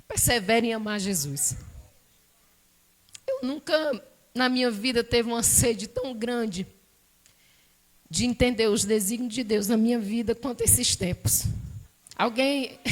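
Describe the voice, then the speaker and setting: A woman preaching a fervent sermon, swinging from loud shouts to quiet low murmurs.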